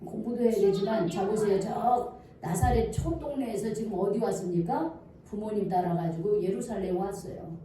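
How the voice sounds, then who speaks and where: A woman's voice: medium pitch, moderate pace, mellow, slight background noise. A woman pastor preaching a sermon in a church, putting questions to the congregation and answering them herself. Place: church sanctuary. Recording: echoey church hall, voice from far off.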